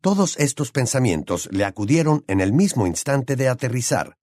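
Expressive male audiobook narrator. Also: mid-range voice, moderate pace, dry recording, studio quality. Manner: dramatic, expressive reading.

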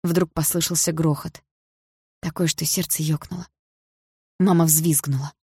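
A woman reading a first-person novel aloud in a quiet, measured way. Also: low voice, fairly even intonation, breathy edge, no room sound, studio quality. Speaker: audiobook narrator.

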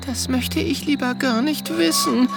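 A man's voice: very high-pitched, a little slow, gravelly, music in the background, pitched above the performer's own voice, exaggerated voice. A man voicing a frightened young female porcupine who trembles and stammers, in a storybook reading. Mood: anxious.

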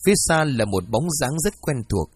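A man narrating a horror story in a steady storytelling manner. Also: on the high side, normal speed, husky.

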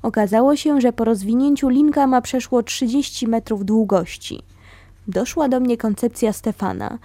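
Woman calmly reading a memoir. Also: on the high side, moderate pace, no room sound. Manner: calm, steady storytelling. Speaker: reader of a memoir.

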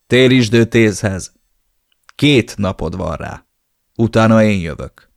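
A man voicing a menacing male cartel boss who speaks in measured threats, in an audiobook. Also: on the low side, lively intonation, creaky, no echo, studio quality.

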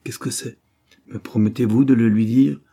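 A man's voice: medium pitch, steady tone, normal speed, creaky, warm tone. A man voicing a proud, wild, distraught dying woman in an audiobook, vehement and prone to angry outbursts. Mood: pleading, intense. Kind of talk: audiobook character reading.

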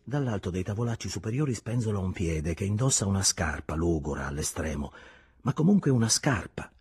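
A man reading a literary audiobook in a measured, grave manner. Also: low voice, big pitch swings, darkish tone, breathy edge. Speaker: audiobook reader.

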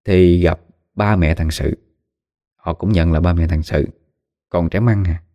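Low-voiced Southern Vietnamese storyteller. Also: male voice, fairly even intonation, a little slow, dark tone, dry recording. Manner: conversational, dramatic asides. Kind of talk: ghost story narration. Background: faint music.

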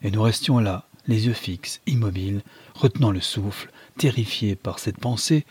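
A man reading a novel aloud as an audiobook narrator in a measured, dramatic manner. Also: fairly low pitch, a little mellow, breathy edge. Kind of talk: scripted literary reading.

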